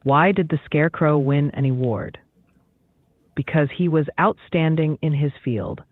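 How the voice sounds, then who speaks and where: A man's voice: a little high, unhurried, no echo. Synthetic male AI voice over a phone. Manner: formal, upbeat assistant talk with canned jokes. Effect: synthetic AI voice over a phone line. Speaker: AI voice assistant. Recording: tinny phone line, dry.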